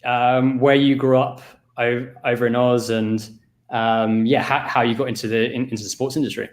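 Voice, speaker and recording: A man with a mid-pitched voice hosts an informal interview. He speaks in a conversational, slightly halting way, repeating small words as he forms his phrases. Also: little pitch movement. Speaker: podcast host. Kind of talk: casual interview chat.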